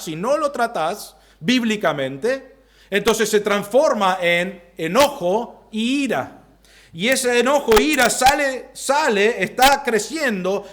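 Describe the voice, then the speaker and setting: A pastor with a Rioplatense, Argentine Spanish accent preaches an expository sermon from the pulpit, swinging between loud bursts and quiet, low asides.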